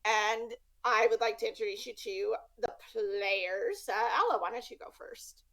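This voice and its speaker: A woman game master casually hosting and introducing a tabletop show in a halting, conversational way. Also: a little high, expressive, bright, forceful tone, rough recording.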